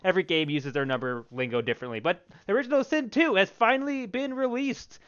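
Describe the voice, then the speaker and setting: Podcast host, male, smooth and resonant, fairly high, chatty gamer talk, slightly dull audio. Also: fast, a bit bright. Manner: chatty, enthusiastic, frequent restarts. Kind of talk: casual gaming podcast chat.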